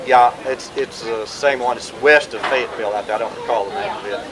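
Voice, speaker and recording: A man, talking informally to relatives at a family gathering in a rambling way with many pauses, heard on an old VHS home video. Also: mid-range voice, crowd noise. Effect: old VHS home video sound. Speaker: family historian speaking at a birthday gathering.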